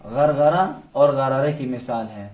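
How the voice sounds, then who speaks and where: A man teaching Quran recitation to children, patiently posing questions and slowly drawing out example words to show each sound. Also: medium pitch, darkish tone, dull audio. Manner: patient, poses questions then answers them. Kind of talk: tajweed lesson for children.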